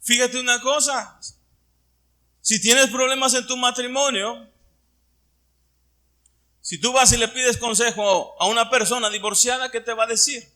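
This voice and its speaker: High bright-voiced Mexican pastor preaching. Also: male voice, steady tone, a little slow, pauses often. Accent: Puerto Vallarta Mexican Spanish. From Puerto Vallarta, Mexico. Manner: preaching with questions to the congregation. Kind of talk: sermon.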